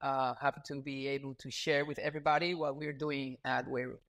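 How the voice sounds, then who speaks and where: A man in his thirties from Ecuador, a startup founder talking as a podcast guest in a relaxed, earnest way with frequent fillers. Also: medium pitch, brisk. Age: 30s. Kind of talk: casual interview talk.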